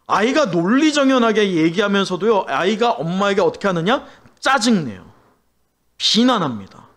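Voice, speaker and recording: Animated high-voiced male pastor preaching. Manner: animated preaching with questions to the congregation. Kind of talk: sermon.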